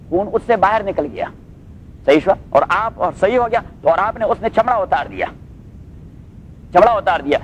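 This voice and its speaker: A male Islamic scholar giving a Quran commentary class, reciting Arabic phrases slowly, then explaining them and checking with his listeners, with English phrases mixed in. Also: high voice, a little hiss or hum. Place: class in Los Angeles.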